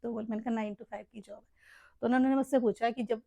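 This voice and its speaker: A woman's voice: on the high side, steady tone, fast talker, creaky, warm tone, no room sound. Chatty middle-aged Haryanvi mother. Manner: emotional, rambling, often addresses listeners as "bhai". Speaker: mother and family vlogger. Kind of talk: casual heartfelt vlog chat.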